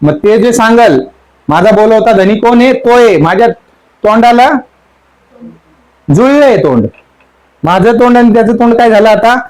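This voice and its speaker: A man's voice: very high voice, animated, normal speed, long pauses, darkish tone, rough recording. A man, a spiritual teacher, giving a sermon that explains song lyrics. He keeps asking his listeners questions and repeats the song line again and again. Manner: asks the audience question after question.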